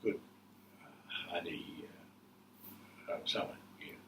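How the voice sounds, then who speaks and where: An elderly man with a New Zealand accent, a war veteran remembering his service in a halting, repetitive way during an informal interview. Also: recorded from a distance. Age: 80s or older. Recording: echoey room with faint background noise.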